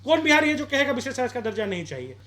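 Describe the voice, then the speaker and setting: Very high-pitched and sing-song, this Bihari election candidate from India talks at rapid-fire speed. He argues forcefully during a street interview, leaning on rhetorical questions and campaign appeals.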